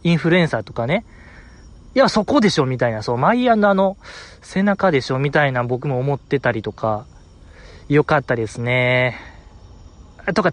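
A young man with a Kansai accent chatting casually as a podcast host, animated and laughing, acting out quotes in a high voice. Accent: Kansai Japanese. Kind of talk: solo casual chat about a variety show.

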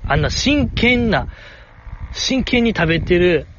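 A slightly high-voiced man with a Kansai accent runs a solo podcast, chatting casually and getting worked up, his voice leaping up when he's excited. The recording sounds a little dull, with a faint hiss underneath. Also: takes it slowly. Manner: excitable, jumps in pitch when enthused, chuckles to himself. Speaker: podcast host.

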